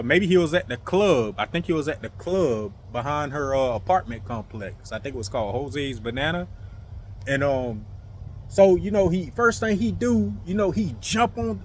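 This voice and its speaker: Animated man telling a wild story. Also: fairly high pitch, a little hiss or hum. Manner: animated, swears a lot, many fillers, acts out sounds. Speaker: vlogger telling a personal story. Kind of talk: casual storytelling to viewers.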